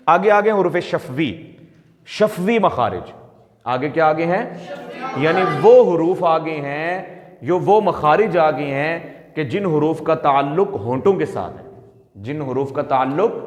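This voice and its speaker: A male recitation teacher who repeats his points, quizzes his students and stretches out sounds slowly to demonstrate them. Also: fairly high pitch, lively intonation. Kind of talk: teaching lesson. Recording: echoey room with long reverb.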